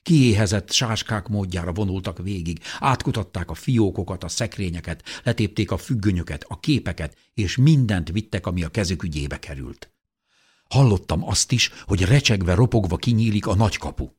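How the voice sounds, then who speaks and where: Male audiobook narrator, low husky voice, lively intonation, dramatic read. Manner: dramatic, expressive reading. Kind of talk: scripted narration.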